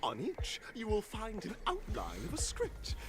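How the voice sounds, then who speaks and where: A man's voice: sits high, huge pitch swings, measured pace, over music, full character voice. A man voicing a grandiose, gleeful game-show host who sounds like a villain, delivering a showy announcer monologue in a video game. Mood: showy, sly. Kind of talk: game character voice acting.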